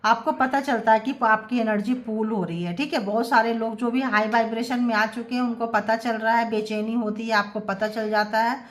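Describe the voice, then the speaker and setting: A woman giving a channelled tarot reading to her viewers, mixing English phrases into her talk and reading out messages slowly. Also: a little high, steady tone. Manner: mixes English phrases into Hindi, reads out slow English messages. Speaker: tarot reader.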